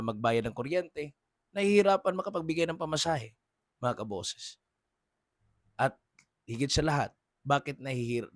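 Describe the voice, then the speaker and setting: A man's voice: mid-range voice, fairly bright tone, no echo, clean studio sound. A man hosting a political commentary monologue, earnest and polite, who keeps addressing his listeners directly.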